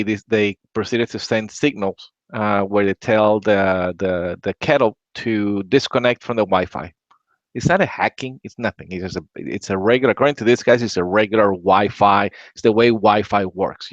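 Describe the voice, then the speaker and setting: Casual tech-podcast host, Latin American man, rambling and low-pitched, dull lo-fi sound. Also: no room sound. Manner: rambling, repeats words, many "right?" tags. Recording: dry, dull lo-fi audio.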